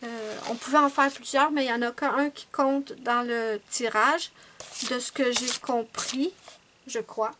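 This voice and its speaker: A woman with a high voice talks casually to her viewers. She chats with many fillers and restarts. A faint hiss sits under the recording. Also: fairly even intonation, a little slow. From Canada. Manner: chatty, with frequent fillers and restarts. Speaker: coloring channel host. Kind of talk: casual chat showing finished coloring pages.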